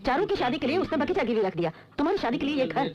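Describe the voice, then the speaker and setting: A woman's voice: high voice, sing-song, rapid-fire, a crowd in the background. An actress playing an anxious village mother, soothing and worried as she talks to her children. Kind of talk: Hindi film acting. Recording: slightly muffled film soundtrack.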